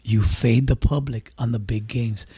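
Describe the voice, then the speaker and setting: A man's voice: medium pitch, fairly even intonation, a little slow, dark tone, husky. A man co-hosting a sports podcast, talking emphatically and repeating his points in casual chat. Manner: emphatic, repeats himself, betting talk. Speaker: podcast co-host.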